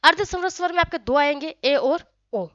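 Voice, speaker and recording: A woman teacher giving a grammar lesson, often quizzing her students and sounding out vowels slowly. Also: high-pitched, a bit bright, no room sound, highs cut off. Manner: frequent questions to students, addresses them as friends.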